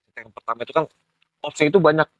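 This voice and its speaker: A man's voice: a little high, rapid-fire, dry recording, muffled recording. Inquisitive young Jakarta man, dry sound. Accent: Jakarta Indonesian. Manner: informal, inquisitive, brief interjections. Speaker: vlog host asking questions. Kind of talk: casual chat.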